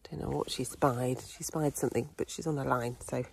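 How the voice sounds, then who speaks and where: Holding her phone at arm's length on a windy hilltop by her tent, a woman in her thirties vlogs about hiking, chatting with plenty of ums and small laughs. Her voice is very deep, steady, and brisk, with a creaky, breathy edge. Faint wind can be heard outdoors.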